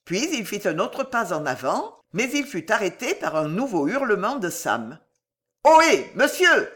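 An audiobook narrator tells the story in an expressive, dramatic way. The voice sits at a middle pitch but moves through a wide, animated range. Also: normal speed.

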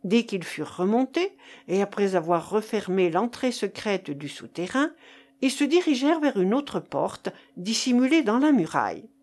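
A woman narrating a novel in a measured storytelling manner. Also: mid-range voice, lively intonation, darkish tone. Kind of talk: audiobook narration.

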